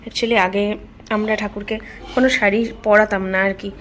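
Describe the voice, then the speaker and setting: A woman's voice: mid-range voice, level tone, fairly quick, fairly bright tone. A young woman from North Bengal, India, chatting and explaining things as she films a home vlog on a handheld phone. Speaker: vlogger. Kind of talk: casual vlog narration. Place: family home in a village during a home puja. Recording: noisy home ambience.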